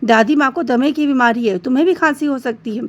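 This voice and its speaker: A woman's voice: high voice, brisk, fairly bright tone, highs cut off. A woman voicing an irritable, impatient mother in a storybook tale, scolding her son sharply. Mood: irritated.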